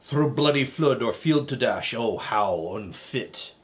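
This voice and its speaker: A man voicing a theatrical poem reciter in a put-on Scottish accent, declaiming loudly with rolling emphasis. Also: mid-range voice, expressive, takes it slowly, slight background noise.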